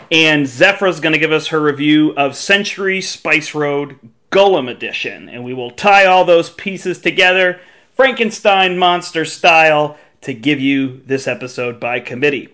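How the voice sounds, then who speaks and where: A man's voice: a little high, fairly bright tone. A man hosting a board game podcast, speaking in a chatty, informal, showman-like way. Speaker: podcast host.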